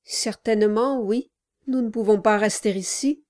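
A woman's voice: mid-range voice, a little slow, darkish tone, natural voice. A woman reading aloud voicing a frail old man who speaks faintly and with resignation. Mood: resigned. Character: frail, absent-minded old man, weak voice.

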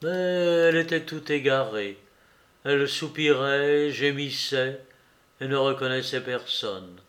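Slow, measured male audiobook narrator. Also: mid-range voice, fairly bright tone. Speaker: audiobook reader. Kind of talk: literary narration.

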